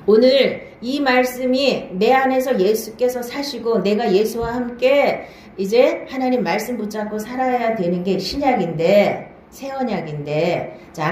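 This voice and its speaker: Medium in pitch and somewhat dark in tone, the woman's voice carries slight background noise. She preaches a Bible-study sermon in a church hall as a pastor, regularly quizzing listeners to confirm they follow and starting each point with a quick "now then".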